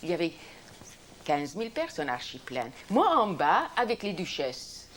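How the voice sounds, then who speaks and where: Lively older woman with a French accent. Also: lowish voice, a little slow, a little hiss or hum. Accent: European French. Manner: spontaneous, animated storytelling with restarts. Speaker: interviewee, former TV host. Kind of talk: reminiscing interview.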